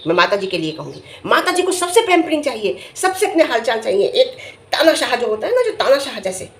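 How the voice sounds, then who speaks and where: A middle-aged woman giving casual vlog commentary, emphatic and scolding, her voice jumping high when she gets indignant. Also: big pitch swings, fairly quick. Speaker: vlogger reviewing family vlogs. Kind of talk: casual talking-head commentary.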